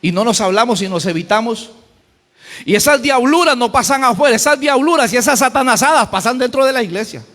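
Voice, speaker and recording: A man's voice: extremely high pitch, expressive, brisk, fairly bright tone. A male pastor with a Costa Rican accent preaching a sermon, colloquial and humorous with emphatic storytelling. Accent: Costa Rican Spanish. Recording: church hall with long reverb.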